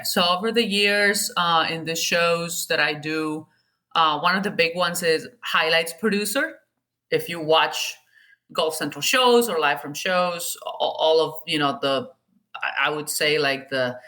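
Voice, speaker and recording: Woman, 40s, bright and open tone, chatty interview guest. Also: sits low. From Colombia. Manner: candid, chatty, talks with self-corrections. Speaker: guest, golf TV producer. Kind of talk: casual interview chat.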